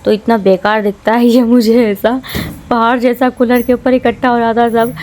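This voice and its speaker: A woman's voice: fairly high pitch, level tone, normal speed, a little mellow, a little hiss or hum. Chatty young woman vlogging at home. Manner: chatty, rambling, mixes in English words. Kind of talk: casual home vlog chat. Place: small rented room at home.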